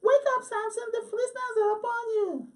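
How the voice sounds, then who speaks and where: A man voicing Delilah, a scheming young biblical woman, in a high squealing falsetto yell. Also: steady tone, a little fast, far from the mic. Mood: shrill alarm.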